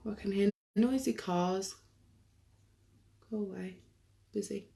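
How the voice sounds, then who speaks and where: A woman chatting casually through a live makeup tutorial, self-deprecating and quick to laugh. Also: medium pitch, vocal fry, warm tone. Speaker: makeup vlogger.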